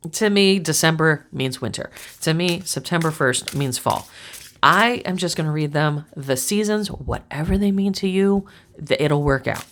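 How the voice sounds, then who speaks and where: Woman, low voice, casual tarot reader, reassuring, repeats herself; talks straight to her viewers. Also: gravelly, a bit bright, slight background noise. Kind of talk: casual tarot reading monologue.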